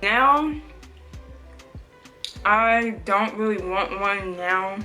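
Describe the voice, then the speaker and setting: A woman's voice: medium pitch, very slow, sharp tone, faint music behind. A woman co-hosting a casual mukbang chat, giggly and chatty, asking the questions. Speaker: co-host of a mukbang channel. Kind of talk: casual chat while eating.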